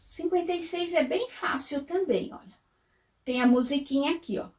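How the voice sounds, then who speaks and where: Captured on a distant mic, this Brazilian woman teaches little kids at normal speed in a high voice with a Brazilian Portuguese accent. Working as a kindergarten teacher, she sings her words, draws them out, and answers her own questions.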